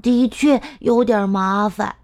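A woman's voice: medium pitch, fairly even intonation, slow pace, darkish tone, pitched below the performer's own voice. A woman voicing a cheerful, helpful animal friend in a children's storybook, sounding eager and encouraging.

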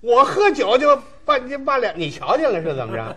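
A man performing live crosstalk comedy as the senior comedian, answering with quick, indignant comic retorts on a stage. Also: very high-pitched, sing-song, sharp tone. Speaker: senior comedian receiving New Year greetings. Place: stage before a live audience.

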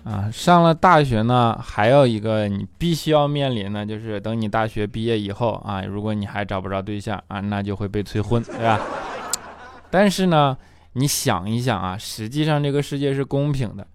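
This stand-up host has a lowish voice and speaks at normal speed, with a little hiss or hum on the recording. His monologue is chatty and teasing, and he often checks in with the crowd with a rhetorical "right?"

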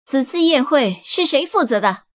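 A woman's voice: high voice, expressive, normal speed, fairly bright tone, no room sound, studio quality, pitched above the performer's own voice. A woman doing a gracious, composed palace consort. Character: pregnant empress-level consort, composed and gracious. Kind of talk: audiobook acting.

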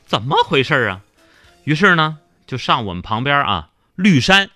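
A young man who hosts a radio comedy show, telling a funny story in a teasing, animated way. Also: mid-range voice, normal speed, dry recording, faint music behind. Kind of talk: comic storytelling.

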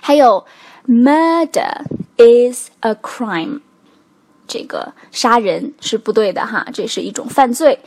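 A woman whose first language is Chinese, teaching a spoken English lesson, explaining step by step and saying example phrases slowly. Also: fairly high pitch, lively intonation, creaky, husky.

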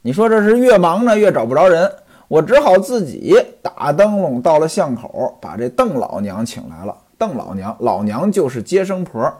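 A man's voice: a little high, big pitch swings, normal speed, a little mellow. A man telling and explaining a classic story, chatting directly to his listeners. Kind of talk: storytelling commentary on a classic novel.

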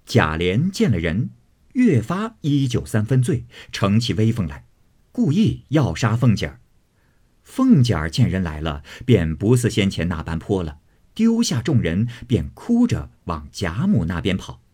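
A man giving an expressive dramatic reading of a classic novel as storyteller. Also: unhurried, breathy edge. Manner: expressive, swinging pitch.

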